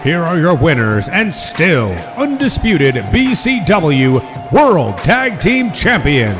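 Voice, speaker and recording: A man voicing a male wrestling ring announcer with a drawn-out announcing delivery, music playing behind. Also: on the high side, wildly swooping pitch, voice pushed up, full character voice. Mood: proclamatory.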